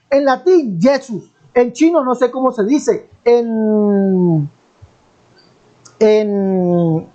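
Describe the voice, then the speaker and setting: A man's voice: very high voice, dark tone, lo-fi sound. A Colombian man with a Colombian accent teaching the Bible in a live online debate, pressing his point and repeating his question insistently. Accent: Colombian Spanish. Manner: preachy, emphatic, drawn-out stresses.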